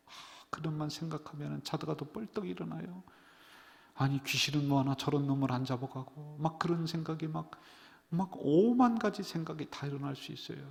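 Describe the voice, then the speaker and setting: A middle-aged male pastor with a worn, subdued voice, preaching a sermon with emotion and swinging between loud exclamations and hushed whispers. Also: medium pitch, vocal fry. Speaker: senior pastor. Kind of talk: sermon at a midweek prayer service. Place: church sanctuary. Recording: long reverb of a church sanctuary.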